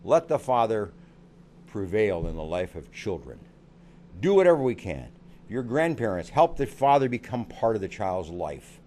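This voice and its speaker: A man's voice: lowish voice, sing-song, moderate pace, dark tone, slight background noise. An older American man, a psychologist, giving earnest parenting advice and repeating phrases for emphasis. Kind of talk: advice talk to camera.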